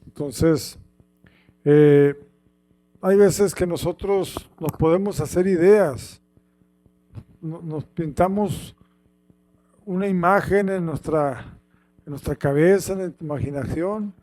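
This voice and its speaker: A man reading Bible passages aloud and then preaching on them, with slow, halting delivery and many repeated words and fillers. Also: a little high, dark tone.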